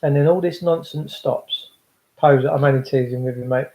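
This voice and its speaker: A man's voice: mid-range voice, moderate pace, warm tone, roomy sound, poor audio. An English man livestreaming an impassioned political monologue to his followers, speaking emphatically and repeating phrases for weight. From England. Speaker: livestream host addressing followers.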